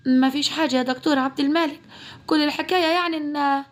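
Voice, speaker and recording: A woman voicing a proud young orphan woman, defensive and quick with retorts. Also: high-pitched, steady tone, pitched above the performer's own voice, lightly acted.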